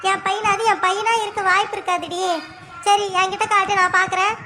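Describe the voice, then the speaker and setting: A woman voicing a worried village mother who scolds her neighbour sharply in an animated story. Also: very high-pitched, fairly quick, a little hiss or hum. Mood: scolding. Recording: voice with loud music behind.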